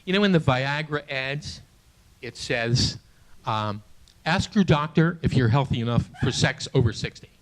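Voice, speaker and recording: Older man doing lively stand-up comedy. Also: mid-range voice. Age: 60s. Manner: halting, self-deprecating delivery with many restarts. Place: small theater stage before a live audience. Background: audience laughter.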